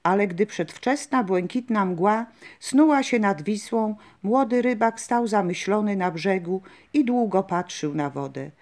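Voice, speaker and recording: A woman reading a folk legend aloud in a calm, measured way. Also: mid-range voice.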